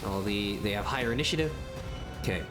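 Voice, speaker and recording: A man with a lowish, expressive voice talks fast while hosting a gaming video. He thinks aloud as he plays, giving casual, hesitant commentary over game music.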